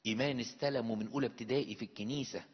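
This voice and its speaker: Husky Egyptian priest preaching in a church. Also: male voice, mid-range voice, steady tone, very fast, in a large hall, dull audio. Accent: Egyptian Arabic. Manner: emphatic preaching full of rhetorical questions. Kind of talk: sermon.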